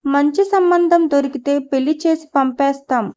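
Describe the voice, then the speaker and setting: A woman's voice: high-pitched, normal speed, dark tone, dull audio, natural voice. A woman narrator voicing a thrifty, anxious middle-aged mother who fusses and scolds. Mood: fussing.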